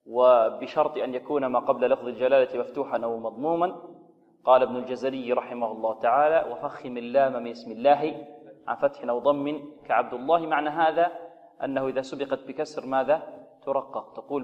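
A man teaching the rules of Quran recitation. He poses questions, answers them himself, and slowly intones sample verses to show the sounds. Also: mid-range voice, big-room sound, muffled recording. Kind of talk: tajweed lesson on radio.

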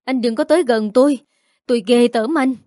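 A woman's voice: fairly high pitch, a little fast, warm tone, dry recording, clean studio sound, lightly acted. A woman reading a storybook voices a young wife who answers in a distraught, defiant way.

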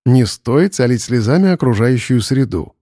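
A man voicing a brisk, stern but kindly older woman in a storybook. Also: mid-range voice, animated, warm tone, no echo, studio quality, close to an everyday voice.

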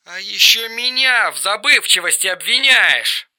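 A man voicing an erratic, mocking young man on the phone in an audiobook reading, shrill and teasing. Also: heavily acted. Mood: sly. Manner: shrill, teasing, quick swings to flat calm.

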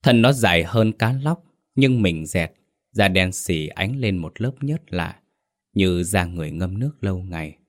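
Deep-voiced man narrating a horror story. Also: animated, a little slow.

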